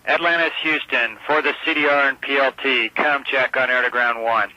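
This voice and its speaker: A man's voice: medium pitch, steady tone, normal speed, bright, forceful tone, dry recording. A man working as a mission control communicator, giving formal, procedural voice checks over radio. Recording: dull radio channel.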